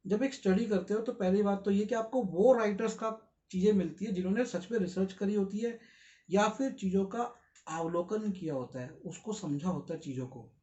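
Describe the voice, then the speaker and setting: High-voiced man lecturing with rhetorical questions. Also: normal speed, warm tone, highs cut off. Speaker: interview guest. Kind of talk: earnest explanatory talk.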